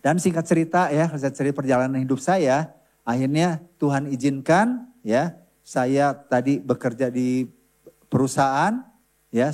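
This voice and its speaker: A man's voice: medium pitch, a little mellow. A middle-aged man, a preacher and counselor, giving an earnest church sermon, stressing each point and often adding a questioning "ya". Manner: earnest, emphatic, repeats points, often adds "ya".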